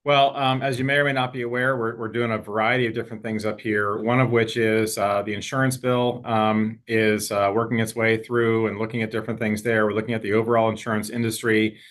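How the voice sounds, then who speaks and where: A man serving as a state representative, giving a steady explanatory update in an interview over a video call. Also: lowish voice, fairly quick, few pauses.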